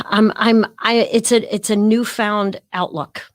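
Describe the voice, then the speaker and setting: A middle-aged woman, a podcast guest, telling a story in an animated way and acting out the voices of the people she quotes. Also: mid-range voice, slow pace, no room sound, studio quality. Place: podcast studio.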